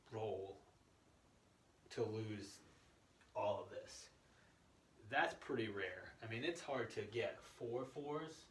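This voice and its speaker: Man explaining in an echoey room. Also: fairly low pitch. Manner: conversational, step-by-step, checks in with "okay" and "right". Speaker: presenter of a gambling strategy tutorial. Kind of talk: informal explanatory walk-through. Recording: echoey room, distant mic, faint noise.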